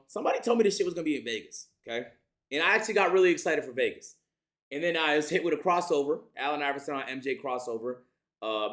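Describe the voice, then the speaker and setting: A man giving a casual reaction in loose street slang with some swearing, as a streamer does. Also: on the high side.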